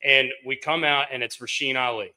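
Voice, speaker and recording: A man co-hosting a sports podcast, ranting in exasperation and swearing, his voice jumping high when he gets angry. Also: fairly even intonation, moderate pace, sharp tone, poor audio. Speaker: podcast co-host. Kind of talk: casual sports rant.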